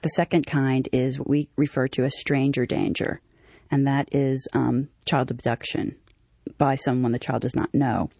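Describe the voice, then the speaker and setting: A woman with a lowish voice speaks as a guest expert on child safety. She explains her points earnestly and steadily. The sound is close and dry. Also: flat delivery, moderate pace, vocal fry, dark tone, slightly rough, no room sound. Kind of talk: interview answers.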